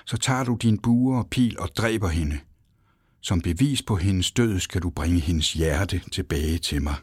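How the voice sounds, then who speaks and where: A man's voice: low voice, darkish tone, breathy edge, dry recording, studio quality. A man voicing a jealous, cruel queen in a storybook, hissing her commands. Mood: menacing.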